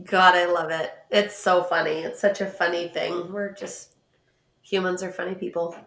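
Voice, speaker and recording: Bright, chatty woman in an echoey room. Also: lowish voice, little pitch movement, normal speed, vocal fry. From Midwest US. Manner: chatty, rambling, laughs often. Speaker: podcast co-host. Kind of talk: casual chat.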